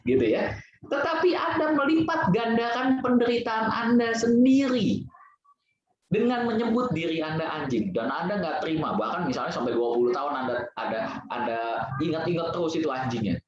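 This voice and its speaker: A man's voice: high voice, moderate pace. A man giving a casual Buddhist Sunday sermon in a temple hall, chatty and conversational, often laughing at his own jokes. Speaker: Buddhist Dhamma speaker. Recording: very echoey, dull lo-fi hall recording.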